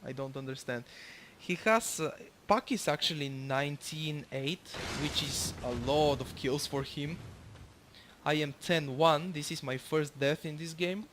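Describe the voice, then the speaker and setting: Over background noise, a young man's fairly high-pitched voice commentates casually on a match he's playing himself, at a measured pace. He's from Bulgaria, speaks with a Bulgarian accent as a first-language Bulgarian speaker, and rambles, swears freely, and self-corrects.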